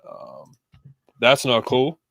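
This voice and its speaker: A man's voice: mid-range voice, big pitch swings, drawn-out words, creaky, fairly bright tone, dry recording, studio quality. A man hosting a casual sports podcast, talking loosely with lots of fillers. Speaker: podcast host.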